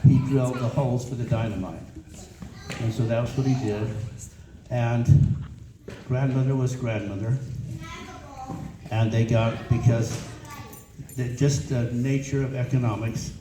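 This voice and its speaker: A man's voice: mid-range voice, fairly even intonation, a little slow. An older American man with a grandfatherly, rambling way of talking tells family history informally, circling back and repeating phrases. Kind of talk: informal oral family storytelling. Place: echoey room, recorded from a distance. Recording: roomy, noisy, distant microphone, clicks.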